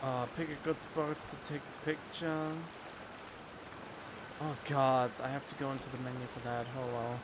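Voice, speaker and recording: A game streamer provides casual playthrough commentary, musing aloud and talking back to the game into a close studio condenser microphone. His medium-pitched voice is level and at normal speed, with game music and other background noise behind him.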